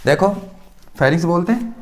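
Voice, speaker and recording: Fairly high-voiced male science teacher. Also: expressive, fairly quick. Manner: repetitive call-and-response questioning. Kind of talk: classroom-style lesson.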